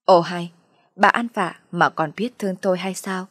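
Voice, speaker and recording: Lady doing a grumpy old farmer dad, blunt, lowish voice. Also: steady tone, normal speed, no room sound, studio quality, close to an everyday voice. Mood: impatient. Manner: gruff, impatient. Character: blunt impatient older farmer, father-in-law.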